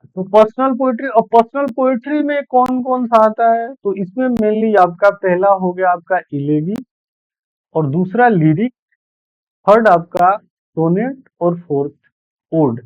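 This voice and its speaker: Male teacher, high-pitched and slow, repeats and self-corrects; dry, tinny phone-line sound. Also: no echo. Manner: explains in Hindi mixed with English terms, repeats points, self-corrects. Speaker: English literature teacher. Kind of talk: exam-prep lecture.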